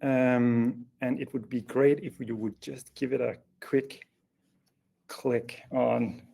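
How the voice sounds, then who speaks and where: A man presents to an online audience in a relaxed, unscripted way. His voice is gravelly and mellow, and he trips over his words and restarts often as he explains. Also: medium pitch, slow. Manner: hesitant, many restarts and fillers. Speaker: webinar host. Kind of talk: casual webinar presentation.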